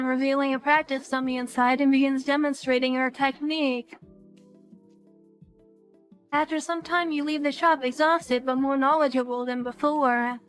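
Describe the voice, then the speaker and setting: A woman streaming a video game, reading its text aloud in an even, measured way with brief comments of her own. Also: sits high. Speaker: let's play streamer.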